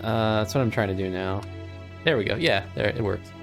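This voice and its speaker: A man's voice: lowish voice, fairly quick, creaky, music in the background. A man co-hosting a live game stream, talking easygoing and dry while he sets up the game capture. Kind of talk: casual chat.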